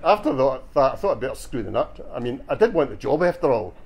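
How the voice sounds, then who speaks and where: A man's voice: mid-range voice, sing-song, fast, slightly rough, dull audio. A man voicing a stocky, cheeky retired Glaswegian man with a broad dialect, telling a boastful story at a bookshop reading. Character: cheeky stocky older Glasgow man, joker. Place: bookshop event.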